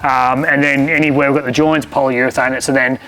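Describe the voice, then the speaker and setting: A man's voice: medium pitch, level tone, a little fast, fairly bright tone, rough recording. An Australian man, a builder, explaining things casually and practically as he presents a site walkthrough. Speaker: builder co-hosting a home-building show.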